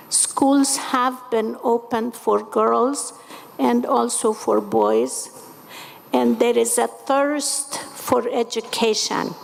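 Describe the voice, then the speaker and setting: A woman's voice: on the high side, vocal fry. A woman in her seventies from Afghanistan, an activist speaking on a conference panel in an impassioned, emphatic way. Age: 70s. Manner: impassioned, emphatic, slow and deliberate. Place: large convention hall. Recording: conference hall reverb.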